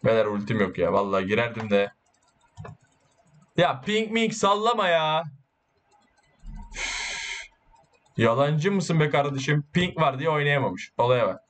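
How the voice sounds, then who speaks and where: A man giving casual, excitable gameplay commentary, boasting and swearing while urging his teammates on. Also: mid-range voice, a little slow, long pauses. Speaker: gaming YouTuber.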